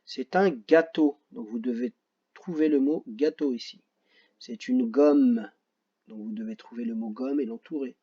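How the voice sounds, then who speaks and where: A man with a French accent teaching a phonics lesson to children, slow and patient, repeating each word carefully and joking about his own memory. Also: mid-range voice, warm tone, slightly rough, dull audio.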